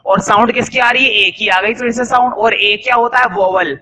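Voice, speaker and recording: A man teaching a grammar class at a board, lively, asking the class questions and answering them himself. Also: extremely high pitch, normal speed, low-quality recording.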